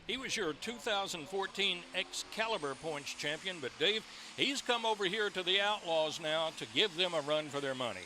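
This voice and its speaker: A man's voice: high-pitched, normal speed. A man hosting as a tractor pull announcer, presenting play-by-play commentary. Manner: presentational, introducing and recapping. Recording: noisy outdoor track with engine noise. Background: outdoor ambience and vehicle engines.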